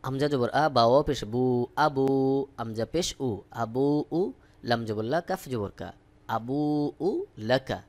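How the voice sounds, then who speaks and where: Teaching Arabic recitation, a man whose first language is Bengali speaks with a Bangladeshi accent in a mid-range voice. He sounds out every syllable slowly before saying the full joined word again.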